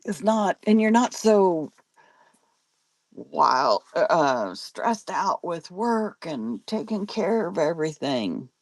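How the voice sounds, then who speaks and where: Chatty older grandma with a creaky voice. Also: female voice, fairly low pitch, big pitch swings, slow, no echo. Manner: chatty, laughs often, reads viewer comments aloud. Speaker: live-selling host. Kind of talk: casual live-stream chat.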